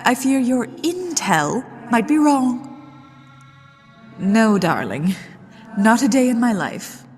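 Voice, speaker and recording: In long, ghostly reverb over music, a woman acts out the genteel lady ghost of a haunted manor for an ASMR roleplay. She is coy and flirtatious, drawing out her words slowly with aristocratic mischief. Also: on the high side, very animated, a little mellow. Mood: flirtatious, curious. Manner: coy, aristocratic, teasing, slow and deliberate.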